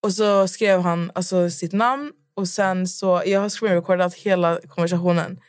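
Animated young woman telling a story. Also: on the low side, smooth, dry recording, studio quality. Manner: animated storyteller, acts out both sides of chats. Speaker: podcast co-host. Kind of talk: casual chat.

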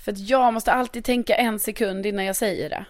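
A woman's voice: medium pitch, fairly even intonation, no echo, studio quality. A woman from southern Sweden with a Skåne accent, co-hosting a podcast in easygoing, self-mocking casual chat. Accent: Skåne Swedish. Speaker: podcast co-host.

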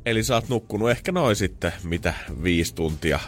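A man's voice: on the low side, expressive, faint music behind. A man hosting a morning radio show, joking and teasing his co-host in casual banter. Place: radio studio.

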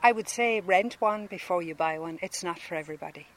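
A woman's voice: lowish voice, a little fast, poor audio. A woman chatting casually as she is interviewed on holiday. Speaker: camper van holidaymaker interviewed. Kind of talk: casual chat. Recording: faint outdoor background noise.

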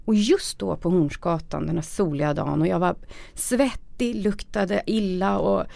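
A woman's voice: on the low side, vocal fry, dark tone, no echo. A middle-aged woman, an interview guest, telling a personal story frankly and with feeling. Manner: frank, emotional, acts out quoted dialogue.

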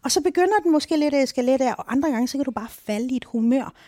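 A woman co-hosting a podcast, explaining mood psychology in a lively, talkative way, often ending with tag questions. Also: high voice, no room sound, studio quality. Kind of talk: casual explanatory chat.

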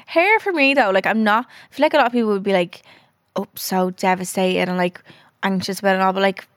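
A woman's voice: medium pitch, quick pace, no room sound, studio quality. A woman with a Dublin accent chatting casually and frankly as a podcast co-host. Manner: frank, sweary. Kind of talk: casual chat.

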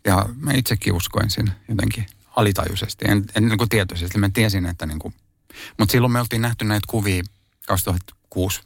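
Gravelly, husky Finnish activist man. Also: lowish voice, no room sound, clean studio sound. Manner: thoughtful, hesitant, many fillers and restarts. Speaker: animal rights activist. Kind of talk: conversational interview answers.

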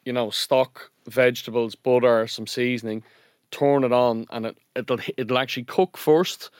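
Male podcast co-host, Irish. Conversational and casual, average pitch, almost no room echo. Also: fairly even intonation, moderate pace, clear, resonant tone, clean studio sound. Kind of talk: casual chat.

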